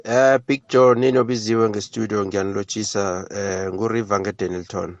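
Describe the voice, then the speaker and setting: A man with a South African accent chatting about football as a radio caller, halting and repeating words, in a muffled recording. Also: lowish voice, steady tone, no room sound. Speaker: radio sports show caller. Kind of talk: casual football commentary.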